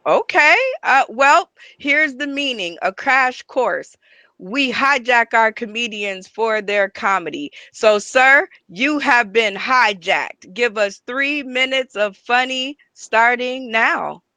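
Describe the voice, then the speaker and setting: A woman hosts a comedy show in a playful, teasing announcer manner. Her voice is bright and a bit high, and she talks slowly and deliberately. The sound is dry and close. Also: no echo. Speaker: show host. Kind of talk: hosting a comedy showcase.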